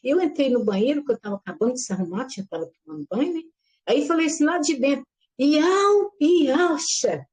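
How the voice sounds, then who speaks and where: A middle-aged woman giving a lively personal religious testimony, acting out the voices in her story and calling her listeners brothers and sisters. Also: sits high, rapid-fire, breathy edge. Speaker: church member giving testimony.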